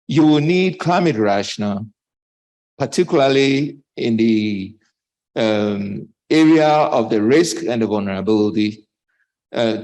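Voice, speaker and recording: A man speaking as a panelist at a conference, a bit out of breath, halting with many fillers. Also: mid-range voice, darkish tone, poor audio. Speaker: panelist from a development bank.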